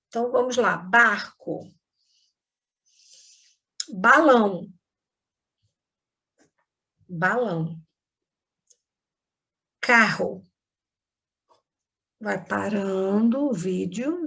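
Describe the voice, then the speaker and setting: Slow, gravelly-voiced Brazilian woman teacher. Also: fairly high pitch, fairly bright tone. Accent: Brazilian Portuguese. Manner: slow, patient dictation with many checks like "ok?". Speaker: primary school teacher. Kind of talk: recorded online class for children.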